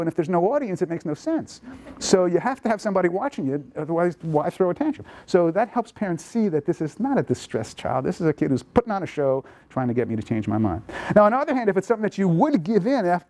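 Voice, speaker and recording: A man, a pediatrician, giving a lively lecture on parenting to an audience in a lecture room, acting out children's thoughts as he goes. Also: on the high side, no room sound. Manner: lively, animated, acts out kids' thoughts.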